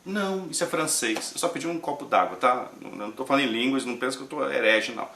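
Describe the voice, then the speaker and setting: A man with a Brazilian Portuguese accent giving casual sermon-style commentary, joking and swinging between loud and hushed. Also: medium pitch, fast talker, roomy sound, slight background noise. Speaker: pastor and show host.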